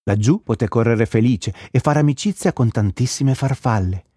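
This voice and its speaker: A man narrating a children's fairy tale in a gentle storytelling manner. His voice sits at an ordinary middle pitch. The recording is dry, with no room sound. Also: normal speed, no echo.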